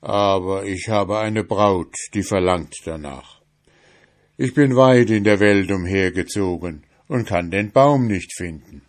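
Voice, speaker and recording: A man doing a loud, gruff giant. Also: sits low, takes it slowly. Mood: earnest. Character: huge gruff male giant, stern. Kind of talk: audiobook fairy tale reading.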